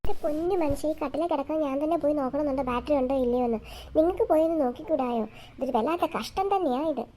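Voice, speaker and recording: A high, quick, scolding mother, played by a child. She nags her family in long, complaining tirades. The bits are short, like a comic family sketch. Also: lightly acted. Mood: irritated. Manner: sharp, nagging, complaining tirades. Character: irritable middle-aged mother, always scolding. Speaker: comedy sketch actor. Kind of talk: family comedy skit.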